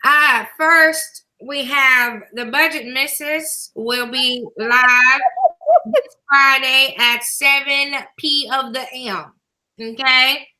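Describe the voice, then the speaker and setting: A woman's voice: high voice, fairly even intonation, slow, bright, forceful tone, full character voice. A woman host voicing a folksy older church mother who reads announcements and calls everyone baby. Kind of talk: live stream chat.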